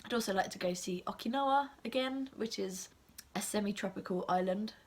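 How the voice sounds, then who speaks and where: A young woman with an English accent, sick with a cold, chatting casually to camera with many ums and soft half-whispered asides. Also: mid-range voice, fairly quick. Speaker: assistant language teacher and vlogger.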